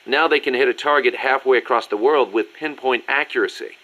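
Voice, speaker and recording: A man voices a businesslike, articulate military second-in-command delivering a scripted briefing in a video game, sounding serious and explanatory. His mid-range, slightly bright voice is close to everyday speech and a little fast, and the recording is muffled.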